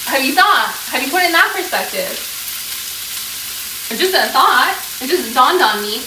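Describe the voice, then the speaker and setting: A woman co-hosts a relaxed chat over dinner, speaking with animated, emphatic speculation in a slightly high voice. She sits a little back from the microphone in an echoey room. Steady background noise and the sizzle of cooking run underneath her. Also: moderate pace, far from the mic. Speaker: co-host. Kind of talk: casual chat over a meal. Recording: echoey room, noisy, off-mic.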